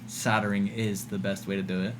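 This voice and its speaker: A man's voice: lowish voice, little pitch movement, a little fast, noisy background. A man livestreaming, ranting casually and with exasperation to his chat, swearing often. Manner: profane, exasperated, mocking quoted voices. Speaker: livestream host.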